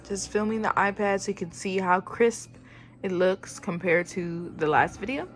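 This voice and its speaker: A woman's voice: mid-range voice, normal speed, soft background music. Chatty young woman vlogging at home. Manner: chatty, lots of fillers, playful exclamations. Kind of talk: casual chat to camera. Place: at home, indoors.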